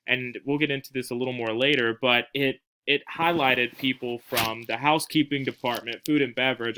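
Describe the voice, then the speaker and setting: A man's voice: medium pitch, bright, forceful tone, clean tone. A man giving a casual recorded class presentation, with frequent fillers and restarts. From not from Spain. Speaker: student presenter.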